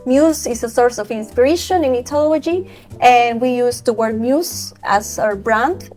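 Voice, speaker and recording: A woman from Ecuador, talking as an entrepreneur guest in an enthusiastic, animated way. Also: fairly high pitch. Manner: enthusiastic, animated, quick bursts with restarts. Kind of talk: podcast interview.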